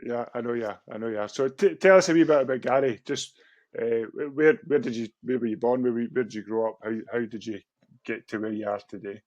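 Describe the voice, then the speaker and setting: A Scottish man hosting a podcast interview, talking in a halting way with many restarts and fillers. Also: medium pitch, a little mellow, no echo, highs cut off. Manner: hesitant, lots of restarts and fillers. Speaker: podcast host.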